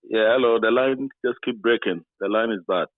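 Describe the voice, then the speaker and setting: A fairly low-voiced man comes through a tinny phone line that clips and keeps breaking up. He is a caller on a live radio show, and he keeps calling hello to check that he can be heard. The sound is narrow, thin and lo-fi. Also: normal speed. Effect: clipped, breaking phone line. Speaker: phone-in guest.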